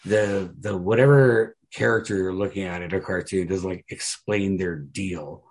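A podcast co-host with a low, steady voice talks at normal speed through a story, casual yet analytical. He rambles emphatically and peppers his talk with "like."

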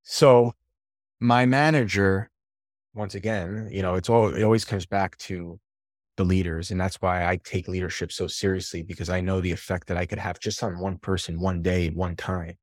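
Man, low voice, casual interview guest, lively storytelling, dry recording. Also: normal speed, dry recording. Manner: animated storyteller, swears casually. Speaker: podcast guest, sales leader and coach.

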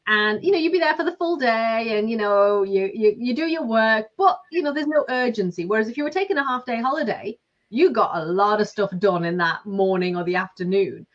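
A Lancashire business coach in her forties chats through a casual interview, her voice a little high, expressive and fairly quick, peppered with fillers. The lo-fi recording sounds slightly dull.

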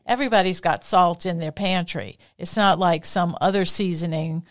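Southern woman, fairly low voice, podcast host, explains at length, dry close sound. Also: moderate pace, no room sound. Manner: engaged, explains at length, frequent affirmations. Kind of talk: conversational interview.

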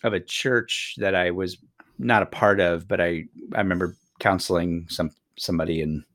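A man's voice: low-pitched, fairly even intonation, moderate pace, fairly bright tone. A man co-hosting a podcast in casual political talk, tired from an early start, often stammering and repeating words as he begins. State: tired, up since early morning. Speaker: podcast co-host.

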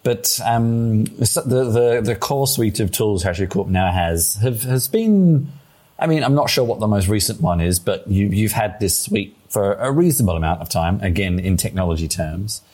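A man interviewing a guest, asking halting questions with restarts and frequent laughs. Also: on the low side, expressive, darkish tone. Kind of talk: conversational interview.

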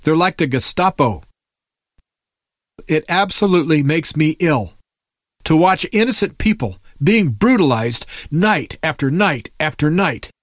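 Male commentator, slightly high-pitched, for an alarmed conspiracy-minded rant; emphatic, indignant, dry recording. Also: lively intonation, a little slow, no echo. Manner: emphatic, preachy, rhetorical questions. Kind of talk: impassioned political rant, monologue.

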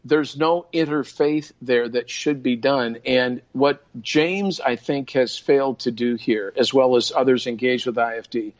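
A man's voice: mid-range voice, steady tone. Man, older, earnest preacherly talk, podcast chat, lo-fi muffled sound. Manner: earnest, preacherly, quick with many restarts. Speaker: guest minister. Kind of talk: casual podcast conversation. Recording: dull lo-fi sound.

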